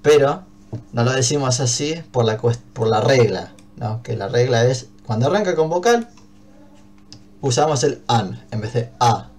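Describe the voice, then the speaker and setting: A man's voice: mid-range voice, lively intonation, a little slow, darkish tone. Patient Argentine man teaching a class. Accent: Argentine Spanish. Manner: patient, checks understanding with frequent "¿bien?". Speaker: English teacher. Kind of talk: online class explanation.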